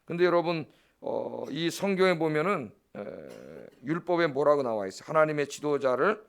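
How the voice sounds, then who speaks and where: Emphatic Korean pastor preaching a sermon. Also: male voice, on the high side, sing-song, moderate pace, gravelly. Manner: emphatic, asks the congregation "예?" often; blunt, scolding asides. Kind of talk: dawn service sermon.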